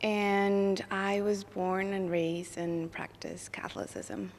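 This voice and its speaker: A woman's voice: mid-range voice, flat delivery, slow pace, a little mellow, in a large hall, slight background noise. A woman from Mexico, a graduate student, speaking carefully and earnestly about why she took a course. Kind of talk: recorded student testimonial.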